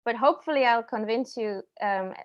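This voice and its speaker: A woman from Slovakia in her thirties giving a technical conference talk over a video call, explaining clearly with some ums and self-corrections. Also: a little high, normal speed, highs cut off. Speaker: invited speaker. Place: indoor room at home or office.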